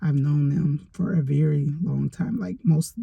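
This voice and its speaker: A woman's voice: low-pitched, unhurried, creaky, slightly rough, dry recording, narrow, tinny audio. A middle-aged woman chatting casually in a rambling storytime vlog, filled with fillers, recorded on a phone in her parked car. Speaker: vlogger.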